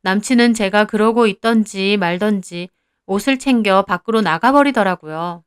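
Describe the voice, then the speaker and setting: A woman's voice: mid-range voice, smooth, no echo, studio quality. A young woman narrating a first-person story in a confiding, conversational way.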